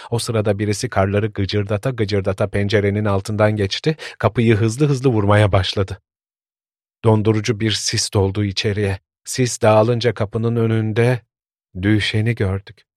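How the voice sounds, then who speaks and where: A man narrating a story in a calm, measured storytelling voice. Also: on the low side, dry recording, clean studio sound.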